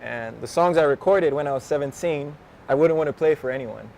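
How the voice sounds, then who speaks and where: A man's voice: a little high, brisk, gravelly, darkish tone, a little hiss or hum. A man in his twenties, a rapper, chatting casually and slangily in an interview outdoors, often laughing and drifting off topic. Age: 20s.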